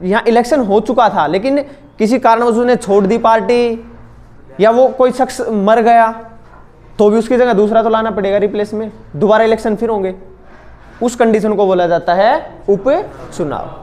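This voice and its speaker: A man's voice: high voice, steady tone, moderate pace, darkish tone. A young man teaching a school class, explaining terms step by step and asking his students questions. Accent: Hindi-English mix. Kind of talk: classroom lecture.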